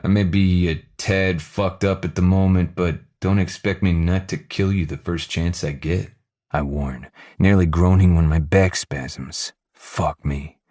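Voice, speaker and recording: A man narrating a first-person audiobook with low, restrained menace. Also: fairly even intonation, a little slow, darkish tone, no echo, studio quality.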